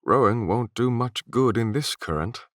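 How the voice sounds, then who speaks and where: A man voicing a weary, cautious old male mentor who speaks with grave, measured pleading. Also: mid-range voice, fairly bright tone, dry recording, studio quality, pitched above the performer's own voice, lightly acted.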